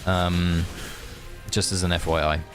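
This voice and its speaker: A deep, flat, slightly slow voice belongs to a man livestreaming a game while music plays in the background. Faint hiss is audible as he chats casually and reads aloud, keeping the tone relaxed, chummy and joking.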